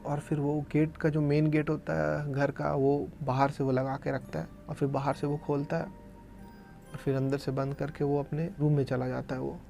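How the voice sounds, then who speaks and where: Brief: male horror storyteller, gravelly and dark, flat delivery. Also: on the high side, moderate pace, soft background music. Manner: retells events in present tense, dramatizing quoted cries. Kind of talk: casual spoken storytelling.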